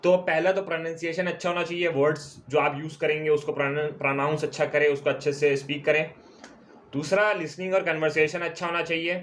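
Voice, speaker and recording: A man teaching a commerce lecture at a board, explaining terms step by step and stretching key words out slowly. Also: a little high, little pitch movement, a bit bright, slight background noise. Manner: repeats key terms slowly, checks in with "ठीक है". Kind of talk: classroom lecture.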